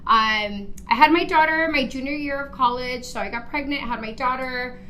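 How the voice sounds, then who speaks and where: A woman's voice: sits high, moderate pace, bright, forceful tone, slight background noise, poor audio. A woman in her thirties from El Paso, Texas, telling her life story as a podcast guest in an earnest way, with many ums and you-knows. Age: 30s. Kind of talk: casual personal story on a podcast.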